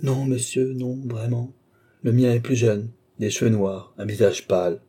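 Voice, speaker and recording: A man's voice: mid-range voice, flat delivery, measured pace, dark tone, slightly rough. A man reading aloud and playing a fervent, pleading old man who is searching for a lost boy. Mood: anguished. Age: older.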